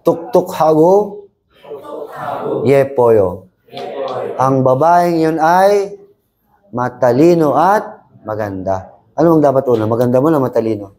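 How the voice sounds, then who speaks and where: A man runs a language lesson, moving between Tagalog, English and Korean as he explains grammar. His voice is mellow and warm, and he keeps the class repeating lines together. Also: mid-range voice, animated, slow, long pauses. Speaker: language teacher. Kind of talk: Korean exam review class.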